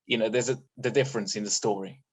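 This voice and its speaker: Low-voiced man explaining a point thoughtfully. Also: steady tone, fast, slightly rough, rough recording. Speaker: workshop participant. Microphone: video call.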